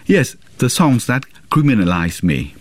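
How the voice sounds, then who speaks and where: A man acting as interpreter, speaking in measured, earnest tones as a translation voice-over for an interview. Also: medium pitch, sing-song, no room sound. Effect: translation voice-over in the first person.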